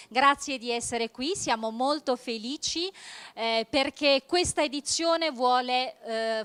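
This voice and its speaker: A woman's voice: high voice, sharp tone, smooth. A woman hosting a live event broadcast, presenting and interviewing guests in an effusive, formal, wordy way.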